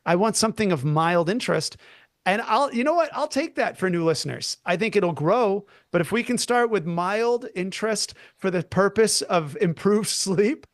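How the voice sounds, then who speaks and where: A man co-hosting a casual comedy podcast, animated and talking in bursts that trip over themselves. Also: high-pitched, normal speed, no echo, studio quality. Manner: animated, self-interrupting, talks in bursts. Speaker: podcast co-host.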